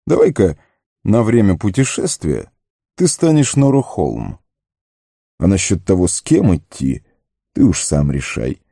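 A man voicing an old wise wizard in an audiobook, speaking gravely and slowly with a stern, commanding manner. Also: low-pitched, big pitch swings, mellow, dry recording, studio quality, heavily acted. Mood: earnest warning. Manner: grave, slow and warning. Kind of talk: audiobook character reading.

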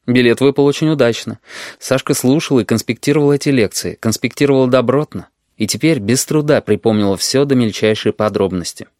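Calm man reading an audiobook, dry sound. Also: medium pitch, no echo. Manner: calm and measured. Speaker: audiobook narrator. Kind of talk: audiobook narration.

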